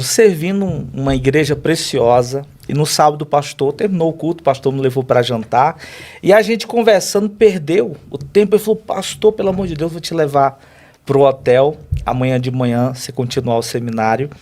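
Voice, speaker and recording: A man's voice: medium pitch, a little mellow. A man, a pastor, giving an earnest and emotional personal testimony in a conversational interview. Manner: earnest, emotional, speaks directly to host. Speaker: pastor, guest.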